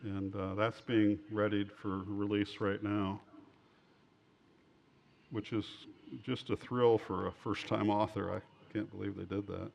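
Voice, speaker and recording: A man giving an informal slide lecture as an author, speaking in a halting, rambling way over a muffled recording. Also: fairly low pitch, level tone, vocal fry, a little mellow, slight background noise.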